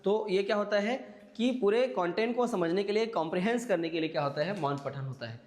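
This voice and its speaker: A man's voice: high voice, fairly quick, darkish tone, big-room sound. A man teaching an exam-prep class, explaining step by step and checking in with his listeners. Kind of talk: classroom lecture.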